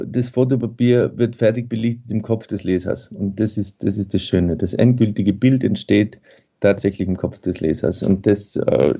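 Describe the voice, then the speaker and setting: A man's voice: fairly low pitch, dark tone, muffled recording. A male author, talking through his writing in a rambling, thoughtful way with many fillers. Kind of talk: conversational interview.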